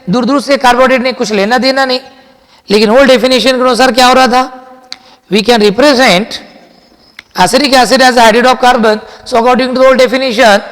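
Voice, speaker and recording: A man teaching chemistry in a classroom lecture, mixing Hindi and English, asking and answering his own questions and repeating key sentences slowly for dictation. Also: very high-pitched, a bit bright, long reverb tail. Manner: addresses students as children, asks and answers his own questions.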